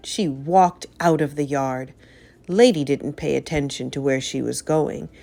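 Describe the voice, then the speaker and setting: Low-voiced and dramatic, a woman reads a children's story aloud with lots of expression. Her pitch rises and falls widely to mark each turn.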